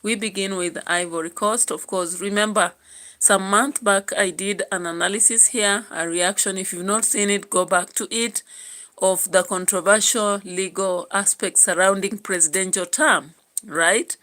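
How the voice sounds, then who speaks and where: A woman's voice: mid-range voice, steady tone, unhurried, pushed and bright. A Kenyan woman hosting a YouTube channel, giving chatty political commentary and musing aloud with frequent fillers. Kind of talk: casual political commentary vlog.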